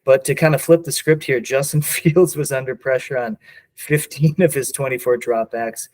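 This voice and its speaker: A man's voice: mid-range voice, steady tone, normal speed, a little mellow. Conversational man reading football stats. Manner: runs through stats, conversational. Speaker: podcast co-host. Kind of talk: casual podcast banter.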